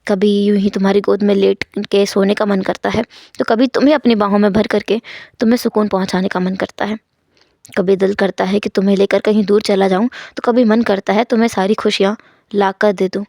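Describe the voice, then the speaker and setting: A woman voicing a tender, devoted young husband who speaks gently and low, in a read-aloud fanfiction story. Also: fairly even intonation, fairly quick, creaky, dry recording, clean studio sound.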